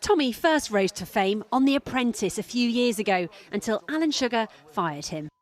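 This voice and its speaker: A woman's voice: fairly high pitch, expressive, normal speed, a little hiss or hum. A woman reporter narrating a news feature voice-over, playful.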